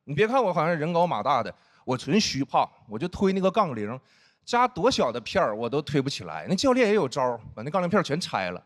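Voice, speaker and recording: A man's voice: fairly high pitch, big pitch swings, fast. A man doing stand-up on stage, telling stories and acting out his friends' teasing. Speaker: stand-up comedian and head writer. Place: stage before a live audience. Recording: stage mic with audience laughter and noise.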